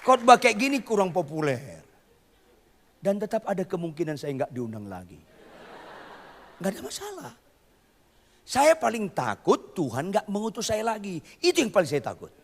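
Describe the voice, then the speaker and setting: Animated preacher with a gravelly voice. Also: male voice, high-pitched, normal speed, long pauses, big-room sound, a little hiss or hum. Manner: animated preaching, swinging from quiet asides to shouting; teasing the congregation in slang. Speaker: pastor. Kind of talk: sermon.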